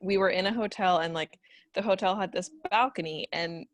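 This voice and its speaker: A woman's voice: fairly low pitch, brisk, no room sound. A woman in a group session telling a funny anecdote, laughing often as she talks. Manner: giggly, laughs often while talking. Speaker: participant. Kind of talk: casual anecdote.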